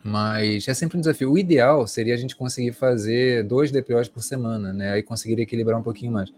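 A man's voice: medium pitch, fairly quick, darkish tone, a little hiss or hum. A man with a Brazilian Portuguese accent, co-hosting a sports talk show and reflecting casually at the close, rambling with fillers. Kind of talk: casual wrap-up chat.

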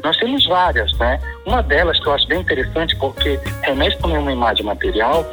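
Bright-voiced man from Pará explaining. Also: fairly high pitch, lively intonation, quick pace, faint music behind, rough recording. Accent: Paraense Brazilian Portuguese. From Pará, Brazil. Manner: didactic, explains at length. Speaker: guest discussing slang. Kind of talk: explanatory casual chat.

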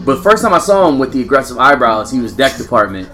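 A man's voice: mid-range voice, very animated, quick pace, over music. An American man telling stories casually among friends, peppering his slangy talk with bro, dude and man. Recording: clear background noise.

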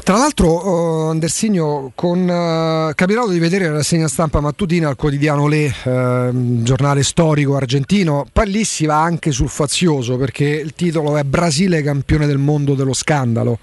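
A man hosting a radio sports show, putting long, measured questions to his guest. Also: a little high, darkish tone, no room sound.

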